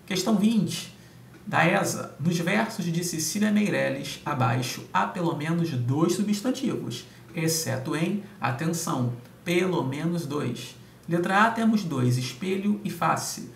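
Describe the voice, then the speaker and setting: A man's voice: a little high, expressive, measured pace, creaky. A man teaching grammar, going through exam answers step by step and often checking in with his students. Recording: echoey room, distant mic, faint hum.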